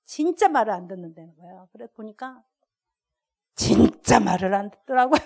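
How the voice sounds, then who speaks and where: An older woman, a guest lecturer, preaching a sermon and telling lively stories with acted-out dialogue. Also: high-pitched. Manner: animated storyteller acting out dialogue. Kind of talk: sermon with storytelling.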